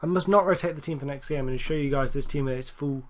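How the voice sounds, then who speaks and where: A man giving casual, rambling gameplay commentary, correcting himself often and getting excited at near misses. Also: a little high, quick pace. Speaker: gaming YouTuber.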